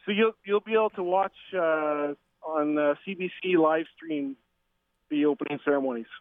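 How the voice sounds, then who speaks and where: Calling from a train, a middle-aged Canadian man who coaches curling and is a father gives a casual interview full of fillers, restarts and halting speech. His voice is on the high side, with no echo, though the phone line sounds tinny.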